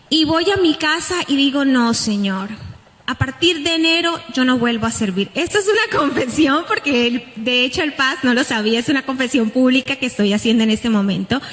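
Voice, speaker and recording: A woman with a Colombian accent giving an earnest, heartfelt testimony from a church altar. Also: sits high. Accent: Colombian Spanish. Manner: earnest, heartfelt, with lively emphasis. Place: church sanctuary. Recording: long church hall reverb.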